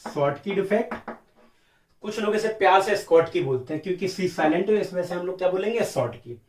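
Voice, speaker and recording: Speaking fast in a high voice, this chemistry lecturer quizzes the class and then supplies the students' answers himself, trading key terms back and forth and calling people "beta" and "sir." The mic sits far from him in an echoey room, with a bit of background noise.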